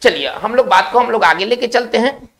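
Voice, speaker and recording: A male teacher giving a spelling lesson, explaining slowly, repeating key words and checking in with his class. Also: extremely high pitch, a bit bright.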